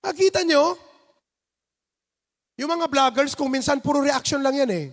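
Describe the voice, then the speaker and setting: A Filipino man preaching a midweek sermon as pastor, animated and acting out people's reactions. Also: extremely high pitch, normal speed, long reverb tail. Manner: animated, acts out neighbors' reactions in put-on voices. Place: church sanctuary.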